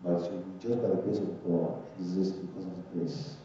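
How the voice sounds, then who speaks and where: Dark-voiced pastor preaching in an echoey church. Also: male voice, deep voice, flat delivery, normal speed. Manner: preaching with swells of volume and soft drops. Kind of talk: sermon. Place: church sanctuary, indoors. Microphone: far camera. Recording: echoey church room from far off, dull sound.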